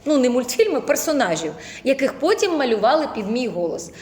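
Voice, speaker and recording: A woman teaching a voice acting lecture, lively and demonstrative, who keeps slipping into other voices for examples. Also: sits high, a little fast, reverberant, big-room sound.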